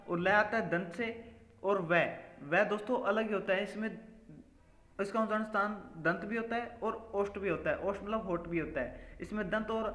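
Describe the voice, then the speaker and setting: A man's voice: sits high, a bit bright. A male teacher giving an exam-prep grammar lesson, asking questions and answering them himself, repeating key points. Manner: repetitive quizzing, asks and answers himself. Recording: echoey room with long reverb.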